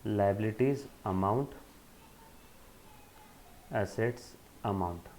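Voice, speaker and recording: A man's voice: lowish voice, takes it slowly, a little mellow, slight background noise. Emphatic male lecturer. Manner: emphatic, with rhetorical check-ins; addresses students fondly as children. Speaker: accountancy lecturer. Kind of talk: classroom lecture.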